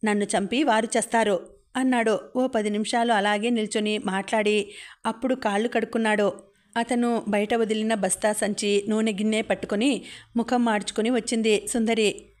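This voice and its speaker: A woman, reading a novel aloud as an audiobook narrator in a steady, even storytelling manner. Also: on the high side, normal speed. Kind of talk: novel reading with character voices.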